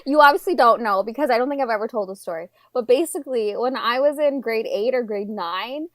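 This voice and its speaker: A woman's voice: on the high side, brisk, a bit bright, dry recording, clean studio sound. A young woman co-hosting a casual book podcast, telling rambling stories full of fillers and laughter. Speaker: podcast co-host. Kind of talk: casual chat.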